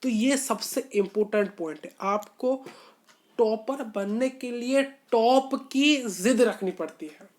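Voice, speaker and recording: A male online tutor giving a motivational study-advice talk to school students. He talks informally and repeats himself, often calling his viewers "bhai sahab", and swings between loud stresses and quiet asides. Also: very high voice, takes it slowly. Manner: earnest and repetitive, often saying "bhai sahab".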